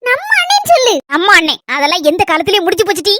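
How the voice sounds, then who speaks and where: A woman's voice: very high voice, wildly swooping pitch, rapid-fire, pushed and bright, no echo, clean studio sound, full character voice. A woman with a Kanyakumari Tamil accent voicing a firm younger sister who lectures her elder sister on manners in a comedy skit. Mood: scolding. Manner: scolding, insistent.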